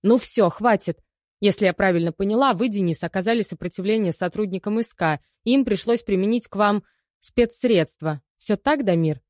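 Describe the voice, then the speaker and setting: A woman's voice: mid-range voice, fairly quick, a little mellow, no echo, studio quality, pitched above the performer's own voice, lightly acted. Brief: woman voicing a stern woman investigator, raised and firm, storybook. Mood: firm questioning.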